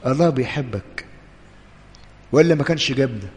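Impassioned Egyptian priest preaching in a reverberant hall. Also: male voice, mid-range voice, lively intonation, brisk. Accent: Egyptian Arabic. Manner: impassioned, swings between hushed urging and loud pleading. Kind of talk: sermon.

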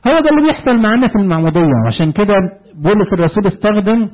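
A man's voice: sits high, racing. A man preaching a sermon in an Egyptian Arabic accent, retelling dialogue and asking the congregation fill-in questions. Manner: asks the congregation fill-in questions ending in "what?"; animated storytelling, retelling dialogue. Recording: narrow tinny phone-like sound.

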